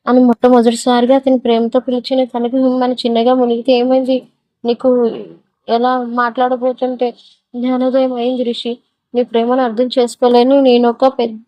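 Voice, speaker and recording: A woman narrating a romantic story in a mellow, somewhat high voice. She speaks every character's lines in the same steady, level tone rather than acting them out, and the recording is dry and close. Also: dry recording, rough recording.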